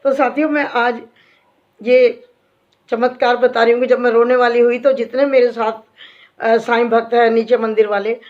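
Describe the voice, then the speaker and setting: A woman's voice: a little high, little pitch movement, normal speed. A middle-aged woman, a devotee and bhajan singer, telling an emotional faith story to fellow devotees in a heartfelt, earnest way. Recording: dull lo-fi recording.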